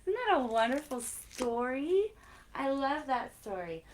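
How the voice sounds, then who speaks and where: A story-time host reads to children in an animated way and chats with them as she goes. Her high, sing-song voice moves a little slowly.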